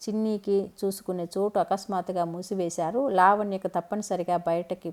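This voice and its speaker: A woman reading a scripted family story aloud in a calm, even way. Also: medium pitch, moderate pace.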